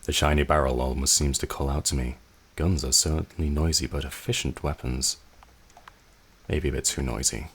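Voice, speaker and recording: Man, very deep voice, let's play host, reads game narration, measured and dry. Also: steady tone, a bit bright, a little hiss or hum. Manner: measured, dry reading with asides. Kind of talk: reading game narration aloud.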